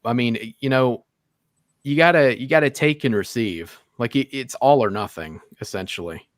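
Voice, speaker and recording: A man guesting on a live stream chats casually and at length, rambling, swearing, laughing, and constantly leaning on "like" and "you know." His mid-range voice moves at a moderate pace, and the studio-quality audio has no echo.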